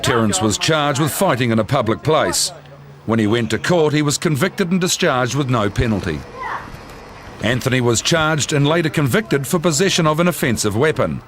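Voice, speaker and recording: A man's voice: medium pitch, lively intonation, normal speed, noisy background. A man with a New Zealand accent reading scripted narration for a police documentary series. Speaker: narrator of a police reality TV show.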